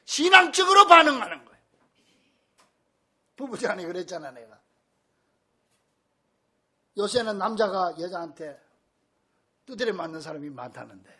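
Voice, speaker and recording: A male pastor preaching a sermon in a church, telling stories with animation and bursts of shouting. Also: high voice, very animated, normal speed, long pauses, breathy edge. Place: church sanctuary.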